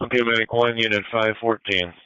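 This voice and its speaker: Casting: male dispatcher on police and fire radio, very clear, dry, band-limited, matter-of-fact. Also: on the low side, fairly even intonation, brisk, pushed and bright, no echo, dull audio. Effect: radio transmission. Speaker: emergency medical dispatcher.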